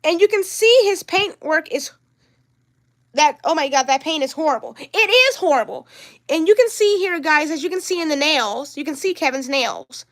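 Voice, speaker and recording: Brief: young woman, high voice, upset rambling livestream vlogger. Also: lively intonation, moderate pace. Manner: upset, rambling, repeats herself. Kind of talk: livestream vlog talk.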